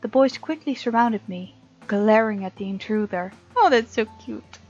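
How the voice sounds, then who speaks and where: A slightly mellow, medium-pitched woman talks at a moderate pace as a gaming video host. She reads game text and chats casually in response to the story, and her muffled lo-fi mic picks her up over game music.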